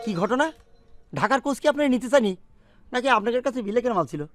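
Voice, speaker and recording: An actor playing an eager, deferential young servant in a village household. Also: male voice, extremely high pitch, animated, fast, over music. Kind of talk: rural comedy drama acting.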